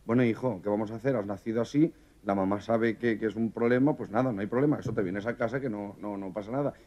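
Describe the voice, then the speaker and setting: Man doing a soft doting mother. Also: on the low side, fast talker, highs cut off, voice pushed down, lightly acted. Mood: fond worried.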